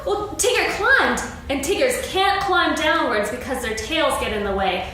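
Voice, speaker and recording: Tiny kangaroo kid, very high squeaky voice, excitable, curious, distant echoey stage recording. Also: female voice, moderate pace. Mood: gleeful. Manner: childlike, excitable, questioning. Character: small, eager, fearless young kangaroo child. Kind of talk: staged dramatic reading of a children's story. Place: on stage, seated reading. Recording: echoey hall, far mic, faint noise.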